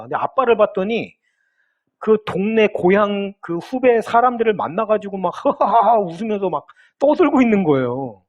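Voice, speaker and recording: A male pastor in his thirties preaching a sermon, retelling a television drama scene as a story. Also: high-pitched. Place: church sanctuary.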